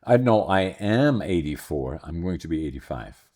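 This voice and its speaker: In a relaxed interview-style podcast, a Dutch host in his eighties spins meandering stories, often backtracking to correct himself. His darkish voice sits low, with big swings in pitch, at a moderate pace.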